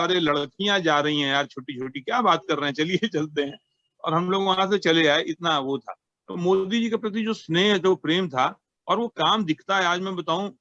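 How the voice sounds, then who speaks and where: A man from Varanasi speaks, a shopkeeper answering questions in a wry, anecdotal way. His voice sits a little high. The sound is dry and dull, like a lo-fi recording. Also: a bit bright, no echo. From Varanasi, India. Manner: anecdotal, wry, quotes scripture and plays out dialogue. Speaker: shopkeeper and trade association member. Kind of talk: storytelling interview answer.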